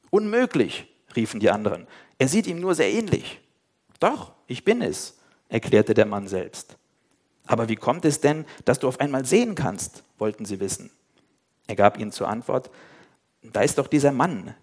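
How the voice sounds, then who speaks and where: Man teaching and reading scripture aloud. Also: mid-range voice. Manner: explains then reads scripture aloud, voicing quotes; addresses listeners informally. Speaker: Bible teacher. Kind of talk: Bible study talk and scripture reading.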